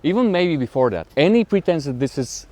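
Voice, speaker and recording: A man co-hosting a podcast, retelling a plot in a halting, rambling way while strolling outdoors. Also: on the high side, sing-song, dark tone. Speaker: podcast co-host. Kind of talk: casual chat while walking.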